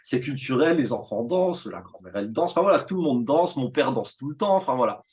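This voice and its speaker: A man in his thirties, a teacher telling his school story in a relaxed interview, animated and full of fillers and restarts. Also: mid-range voice, fast. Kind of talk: casual conversational interview.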